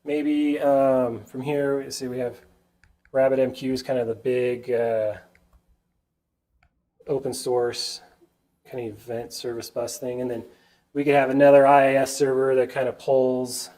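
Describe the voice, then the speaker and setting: Stuffed up and nasal from a sinus cold, a man with a warm, medium-pitched voice talks at a measured pace with frequent pauses and little pitch movement. It's an informal whiteboard tech talk for a user group, and he keeps turning to the audience with a chatty "right?"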